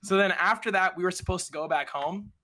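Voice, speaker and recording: A young man, a streamer, telling a story in a casual conversation, animated and slangy, acting out what other people said. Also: sits high, fairly quick. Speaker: streamer guest.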